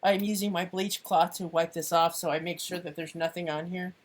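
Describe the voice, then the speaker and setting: A woman's voice: lowish voice, fairly even intonation, brisk. A woman chatting casually on a live stream as she crafts, thinking aloud and trailing off mid-sentence.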